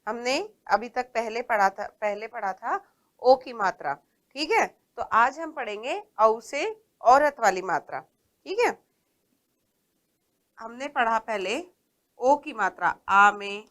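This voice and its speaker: Slow, patient woman teaching children. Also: fairly high pitch, fairly bright tone. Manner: slow, patient, stresses and stretches each word; asks questions and answers them herself. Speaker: primary school teacher. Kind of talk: Hindi phonics lesson for young children.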